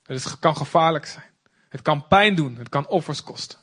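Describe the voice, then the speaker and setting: A man's voice: on the high side, expressive, moderate pace, a bit bright, slightly rough. A young man from the Netherlands preaching a sermon with passionate, emphatic repetition. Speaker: pastor.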